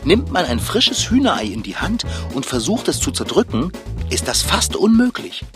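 Upbeat guy narrating a little fact segment, animated, music under it. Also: fairly high pitch, normal speed. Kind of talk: scripted narration.

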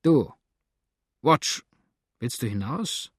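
A man voicing a gruff, irritable frontier settler who curses and shouts in an audiobook. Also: mid-range voice, sing-song, drawn-out words, no room sound, clean studio sound, heavily acted. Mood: angry. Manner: cursing, shouting at dogs. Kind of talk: audiobook character voice.

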